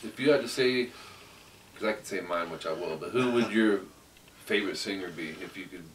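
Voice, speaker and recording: A man's voice: sits low, a little fast, distant mic. A man hosting a casual interview, friendly and encouraging toward his guest. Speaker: interview host, guitar teacher. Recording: echoey room, voice from off mic, faint noise.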